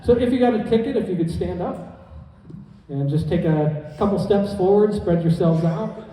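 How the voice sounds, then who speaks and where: Male stage hypnotist emcee, soft-edged tone, instructing and repeating himself, heard distantly in a reverberant hall. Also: high voice, moderate pace. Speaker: comedy hypnotist and show host. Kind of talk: live stage show emceeing to an audience. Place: indoor conference hall stage. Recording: echoey hall PA, heard from far off.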